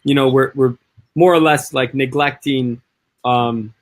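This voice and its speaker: A chatty man from the northeastern United States tells stories in a relaxed guest conversation. His voice sits in an ordinary middle pitch, and he talks quickly, peppering his speech with "like" and "you know.". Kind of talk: casual conversation.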